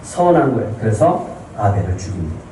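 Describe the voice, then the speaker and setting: A man's voice: on the low side, big pitch swings, fast talker, dark tone, slight background noise. A male pastor giving a Sunday sermon in a church and putting many questions to the congregation. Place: church sanctuary. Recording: very echoey church hall, mic at a distance.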